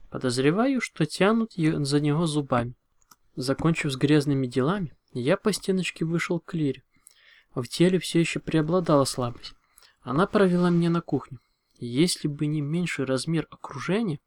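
Man reading a story calmly. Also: on the high side, dry recording, studio quality. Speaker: narrator. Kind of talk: first-person audiobook narration.

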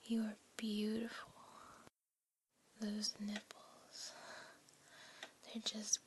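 A woman performing a whispered role-play as a tender but dominant, seductive lover, in a breathy, coaxing way. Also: mid-range voice, completely flat delivery, extremely slow, background noise. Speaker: audio role-play performer in an adult scene.

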